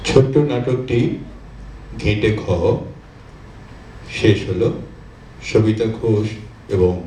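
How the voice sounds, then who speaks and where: Slow, dark-voiced male stage announcer. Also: lowish voice, slight background noise. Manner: slow, measured, formal. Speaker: program announcer. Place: large auditorium. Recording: echoey hall, mic from a distance.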